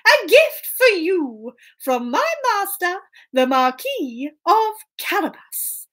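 Lady doing a storybook cat in boots, super high n swoopy, eager pleading schemer. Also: very animated, takes it slowly, fairly bright tone, full character voice. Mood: polite, pleased. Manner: urgent, pleading, wheedling delivery. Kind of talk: children's storytelling with acted voices.

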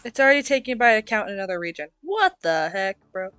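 Bubbly woman gamer, bright tone, helpful, dry close sound, faint music. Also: medium pitch, sing-song, fast talker, smooth, dry recording. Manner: bubbly, helpful, laughs a lot. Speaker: friend and fellow player. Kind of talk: casual chat while gaming.

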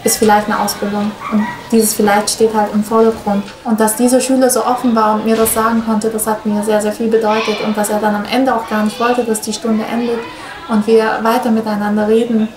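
A woman's voice: a little high, little pitch movement, a little fast, roomy sound, low-quality recording. A woman in her twenties, a student teacher, speaking earnestly and reflectively in an interview. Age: 20s.

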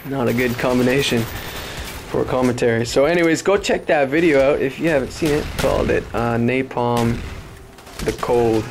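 A man, hoarse from losing his voice, giving casual game commentary from his apartment, rambling and swearing with frequent laughs. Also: medium pitch, normal speed, noisy background. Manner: rambling, profane, laughs often. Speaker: gaming commentator. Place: apartment at home.

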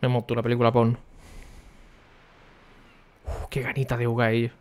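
A young man, chatting casually on a stream and talking to his viewers by name, often keeping his voice low for the neighbours. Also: monotone, a little fast, clear, resonant tone. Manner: speaking quietly for the neighbours.

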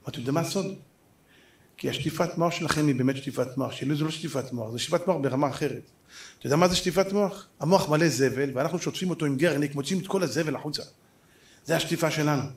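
A man's voice: fairly high pitch, roomy sound. A middle-aged rabbi giving a storytelling Torah lesson, acting out the people in his stories.

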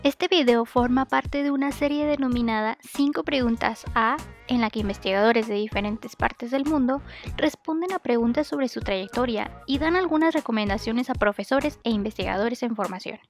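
Woman host, scripted, clear reading, faint music. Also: fairly high pitch, normal speed. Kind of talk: scripted introduction and questions.

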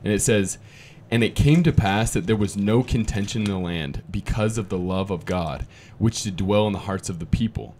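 Brief: young male co-host, low-pitched, casual and upbeat, a faint hiss behind him. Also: a little mellow. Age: 20s. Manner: casual and upbeat, quick asides, reads verses aloud. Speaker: podcast co-host. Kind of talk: podcast conversation with scripture reading.

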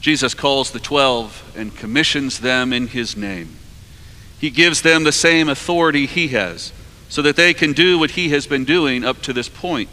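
A man in his forties preaching a sermon from a cathedral lectern, measured and earnest, his phrases trailing off softly at the ends. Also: mid-range voice. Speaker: priest preaching. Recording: long cathedral reverb.

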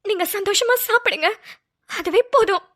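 A woman voicing a kind, tender-hearted middle-aged mother in a homemade cartoon. She speaks gently and motherly, pleading softly. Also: very high voice, moderate pace, background noise. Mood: warm.

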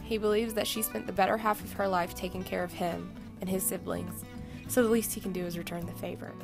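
A woman's voice: mid-range voice, steady tone, brisk, creaky, over music. A young woman reading a scripted, fond narration about her grandfather.

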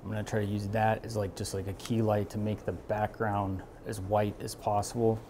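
A man in his thirties, a barber and shop owner, talking casually while he works, relaxed and rambling with many fillers, moving around the room away from the camera mic. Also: on the low side, normal speed, noisy background. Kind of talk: casual talk while working. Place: barbershop with brick walls, indoors.

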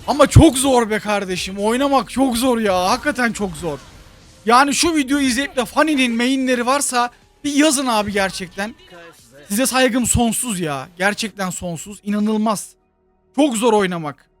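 Host of a gaming channel: a high-pitched man with a Turkish accent, chatty and excitable, with faint music behind him. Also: normal speed. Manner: excitable, chatty, bursts into loud shouts. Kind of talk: mobile game commentary.

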